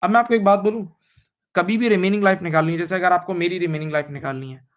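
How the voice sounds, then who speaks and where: A man's voice: high-pitched, steady tone, fast talker, lo-fi sound. A man in his thirties with an Indian English accent, teaching accounting in a recorded online lecture and repeating key points patiently to his students. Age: 30s. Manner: repeats key points, addresses students as beta, mixes English terms into Hindi.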